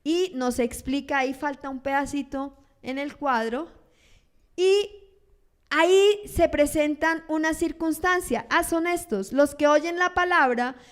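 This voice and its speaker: A woman pastor delivers a sermon with a high voice. Her preaching is animated and expressive. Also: a little slow. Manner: animated, acts out churchgoers' lines in quoted voices.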